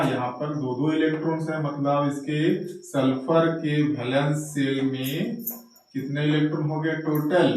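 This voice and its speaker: A man's voice: fairly high pitch, a little mellow, slight background noise. A man teaching chemistry at a blackboard, explaining step by step and repeating filler phrases as he draws. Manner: repetitive, fills pauses with "ठीक है" and "जो है"; explains step by step while drawing on the board. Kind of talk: blackboard lecture. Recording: very echoey classroom, voice from far off.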